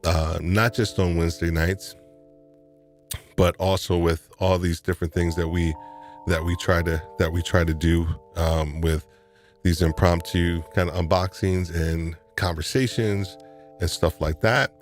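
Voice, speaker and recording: Deep-voiced New man, rambling host. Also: fairly even intonation, unhurried, soft background music. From New York. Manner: rambling, with frequent restarts and repeated words. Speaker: live stream host. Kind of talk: casual live stream chat.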